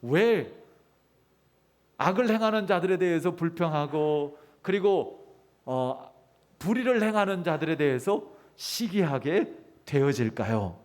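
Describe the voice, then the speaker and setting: Korean pastor preaching a sermon. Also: male voice, fairly high pitch, animated, measured pace. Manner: teaching with call-and-response questions to the congregation; acts out quoted voices with rising emphasis.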